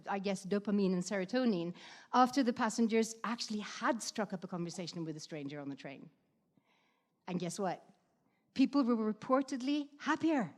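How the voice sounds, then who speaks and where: Chatty woman giving a talk. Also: fairly high pitch. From Norway. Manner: lively, chatty, with many fillers and asides to the audience. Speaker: speaker. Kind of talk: conference talk. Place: stage before a live audience.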